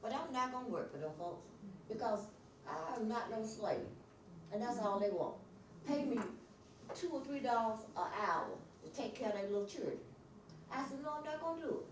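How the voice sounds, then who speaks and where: A woman's voice: a little high, expressive, moderate pace, recorded from a distance. An older woman telling a story from her past in a church class, frank and plain-spoken. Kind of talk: personal storytelling. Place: church meeting room. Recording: echoey room from afar with noise.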